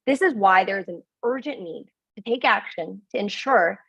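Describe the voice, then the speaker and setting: Crisp woman moderator on a dry line. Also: mid-range voice, lively intonation, moderate pace, a bit bright, dry recording, dull audio. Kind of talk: scripted introduction.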